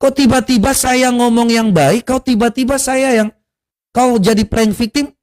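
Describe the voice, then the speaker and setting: A man with a notably high voice delivers a heated social media rant. He scolds and taunts, firing off rhetorical questions and letting out mocking laughs as he goes. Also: normal speed, a little mellow. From Kupang, East Nusa Tenggara, Indonesia. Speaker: online religious commentator.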